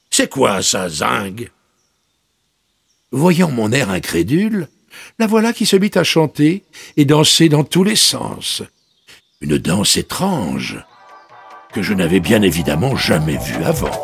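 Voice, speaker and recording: A man narrating a children's story in an expressive way, with incredulous asides. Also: on the low side, slow pace, creaky, pauses often, husky.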